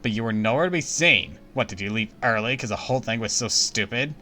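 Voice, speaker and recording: A man's voice: medium pitch, a little fast, pushed and bright, faint music behind, close to an everyday voice. A man voicing a haughty young fairy princess from a game, with a cocky, bossy Valley Girl delivery. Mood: cocky, challenging. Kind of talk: playful game dialogue read-aloud.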